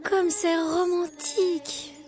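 A woman voicing a young noble lady in love, imploring and slow in a storybook reading. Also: very high-pitched, fairly even intonation, music in the background. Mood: swooning.

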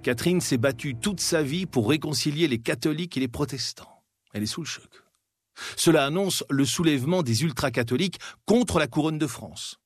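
A man giving scripted documentary narration in a measured, dramatic storytelling manner with pauses. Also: fairly high pitch, breathy edge, dry recording. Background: faint background music.

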